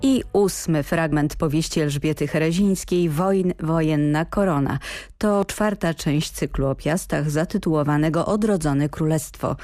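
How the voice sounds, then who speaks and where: A woman's voice: sits low, a little slow, dark tone, no room sound, soft background music. A woman presenting a radio programme, delivering scripted announcements in a polished, formal way. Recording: dry studio.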